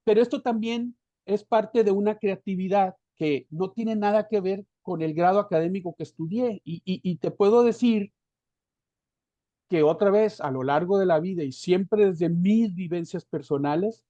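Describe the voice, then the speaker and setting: A fairly high, mellow-toned man in his fifties talks as a guest over a video call. He rambles and drifts between thoughts, restarting often. The sound is dry and muffled, like lo-fi online call audio. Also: no room sound. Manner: rambling, digressive, many restarts. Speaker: guest copywriter. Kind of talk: casual conversational interview. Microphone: headphones on a video call.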